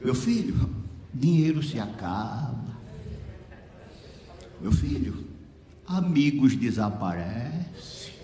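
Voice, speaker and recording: Frail trembling old woman as a preacher puts her on, slow and low, echoey hall. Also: very animated, warm tone. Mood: frail, tender. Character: frail dying old woman, gentle and tender. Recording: echoey hall, faint background noise.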